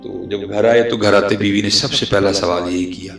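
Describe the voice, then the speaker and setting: A man preaching a sermon and telling a story dramatically, swinging between loud declaiming and hushed tones. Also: on the low side, fairly even intonation. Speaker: religious preacher. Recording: roomy echo, faint music.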